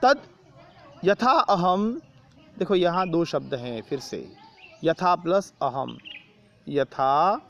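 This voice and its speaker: A man's voice: a little high, animated, takes it slowly, gravelly, pauses often, highs cut off, a little hiss or hum. A man teaching an online Sanskrit lesson, explaining each word in Hindi with a Rajasthani Hindi accent, patiently repeating words and asking questions. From India.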